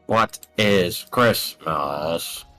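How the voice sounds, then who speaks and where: Man doing a deep, slow robot voice. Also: soft background music, exaggerated voice. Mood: puzzled. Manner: flat, puzzled questions. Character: newly built confused robot, naive and literal. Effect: robot voice, deep and slowed. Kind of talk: playing a character in an online tabletop game.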